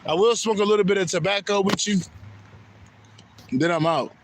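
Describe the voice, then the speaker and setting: A man's voice: sits high, normal speed, a little hiss or hum. A man from Haiti giving a rambling, profane spiritual monologue that repeats itself. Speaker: spiritual vlogger.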